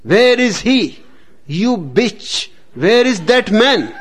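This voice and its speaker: A man playing a feeble, jealous husband in a told joke, frantic and then croaky. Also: on the high side, a little slow, natural voice. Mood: enraged.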